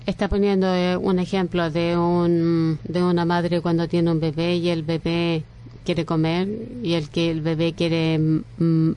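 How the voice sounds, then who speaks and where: A woman preaching a sermon in slow, earnest phrases with frequent pauses and restarts. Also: on the low side, completely flat delivery, dark tone, a little hiss or hum.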